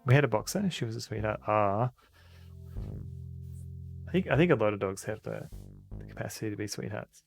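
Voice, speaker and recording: A man's voice: lowish voice, lively intonation, fairly quick, vocal fry, long pauses, soft background music. A man chatting casually on a live stream as he plays a retro adventure game, rambling in an easygoing way.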